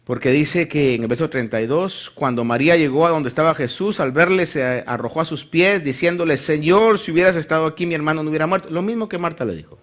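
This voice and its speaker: A man's voice: on the high side, fast, few pauses. A male pastor preaching a sermon, reading scripture and acting out the people in the story. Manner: animated preaching, acts out voices of the Bible story.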